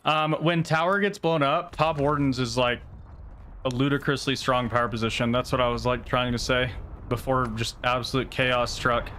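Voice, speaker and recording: A man's voice: medium pitch, steady tone, moderate pace, sharp tone, slight background noise. Casual cursing male game streamer. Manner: casual, frustrated gamer slang with frequent swearing. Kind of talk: live gameplay commentary.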